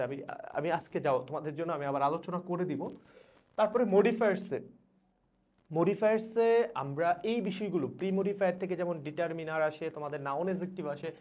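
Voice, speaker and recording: A young man from Bangladesh, an English teacher giving rapid exam advice to students, repeating instructions urgently. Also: on the high side, darkish tone. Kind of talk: exam suggestion lesson.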